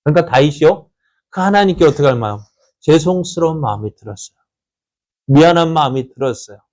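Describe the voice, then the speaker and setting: A man's voice: on the high side, lively intonation, fast talker, a little mellow. A male pastor preaching a conversational sermon, telling a story and constantly asking the congregation rhetorical questions.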